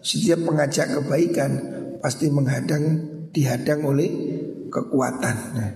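A man's voice: mid-range voice, unhurried, darkish tone. A man preaching a sermon and telling a personal story, tagging many sentences with "ya". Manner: storytelling with frequent "ya" tags. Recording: echoey hall.

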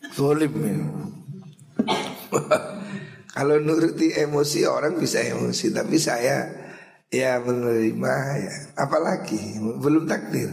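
A middle-aged man with a Javanese accent giving an informal religious lecture, talking conversationally and often clearing his throat. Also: medium pitch, echoey room. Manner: conversational, mixes in regional phrases, frequent throat clearing. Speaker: Islamic preacher teaching a kitab study class.

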